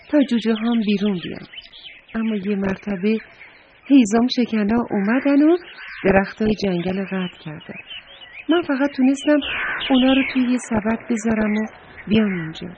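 A woman's voice: medium pitch, slight background noise, natural voice. A woman voicing a worried mother swallow who pleads politely for shelter, in a children's story on a dull lo-fi recording. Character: worried female swallow mother, small bird.

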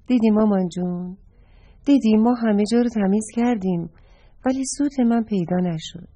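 Expressive woman reading a kids' story. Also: mid-range voice. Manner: warm, expressive, addresses children directly. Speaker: children's storyteller. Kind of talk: children's story narration. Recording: dull lo-fi recording.

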